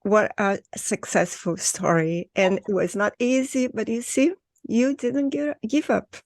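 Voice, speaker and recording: A woman's voice: medium pitch, fairly even intonation, measured pace, darkish tone, no room sound. A woman interviewer asking questions in a conversational interview.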